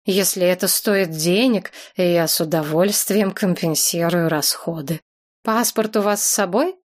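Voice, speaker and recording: A woman doing a calm, polite middle-aged man. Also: lowish voice, a little slow, pitched below the performer's own voice. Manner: unruffled, soothing and reasonable.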